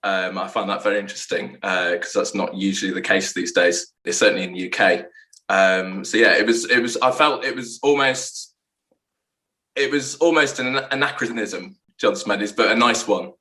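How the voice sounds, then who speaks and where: A man, a photographer, reflecting in an interview and pausing to search for words. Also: lowish voice, bright, forceful tone, low-quality recording.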